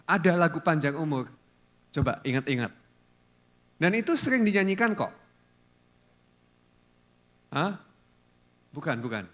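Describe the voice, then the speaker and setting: A man's voice: on the high side, animated, unhurried, pauses often, a bit bright. A male pastor preaching a conversational sermon to a church congregation, often putting questions to the listeners.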